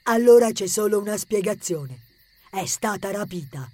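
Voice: mid-range voice, animated, normal speed, a little mellow, no echo, natural voice. An actor voicing a nervous, fussy teenage boy who stammers when scared, in an audiobook story. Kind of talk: audiobook character acting.

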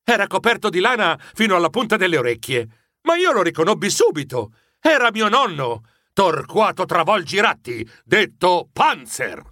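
A man narrating a children's story in an expressive, dramatic first-person style. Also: high voice, normal speed, no echo, clean studio sound. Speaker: audiobook narrator.

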